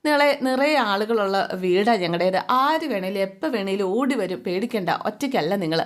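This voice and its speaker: A calm young husband, as a woman narrator puts him on reassures a worried older woman. He speaks in the narrator's own even voice. The tone is steady and soothing. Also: mid-range voice, brisk, lightly acted. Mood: reassuring.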